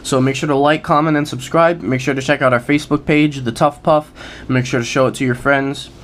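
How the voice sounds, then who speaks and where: Excited man talking card picks. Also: medium pitch, fairly quick, a little hiss or hum. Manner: enthusiastic, many filler "uh"s, laughs at himself. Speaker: card game channel host. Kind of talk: casual video commentary.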